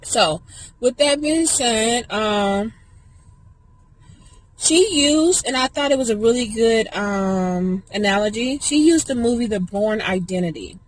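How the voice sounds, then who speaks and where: A woman's voice: a little high, animated, slow, poor audio. Chatty woman talking while she eats. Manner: chatty, rambling, talks while eating. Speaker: vlogger. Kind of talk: casual mukbang chat.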